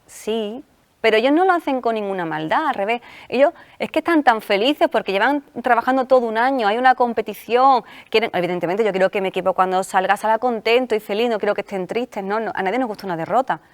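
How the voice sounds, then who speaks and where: A woman with an Andalusian Spanish accent, a sports psychologist speaking as a guest on a talk show, telling animated stories and acting out the coaches she quotes. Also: fairly high pitch, quick pace, few pauses.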